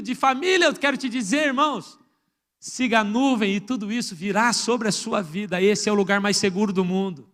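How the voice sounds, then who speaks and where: A man from Brazil, a pastor preaching a sermon to his congregation in church, moving between loud exclamations and quiet, intimate asides. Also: sits high.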